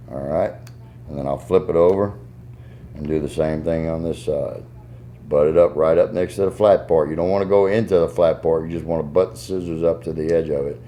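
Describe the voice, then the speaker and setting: A man's voice: a bass voice, mellow, slight background noise. A man with a Southern US accent giving a casual hands-on tutorial in a folksy, step-by-step way. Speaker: goose call maker giving a tuning demonstration.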